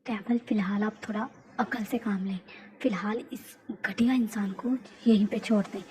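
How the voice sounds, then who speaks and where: A woman voicing a calm, loyal young male mafia aide in a fan audio drama, speaking low and measured. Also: slight background noise, close to an everyday voice, rough recording. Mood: calm urging. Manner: low, measured, urging restraint.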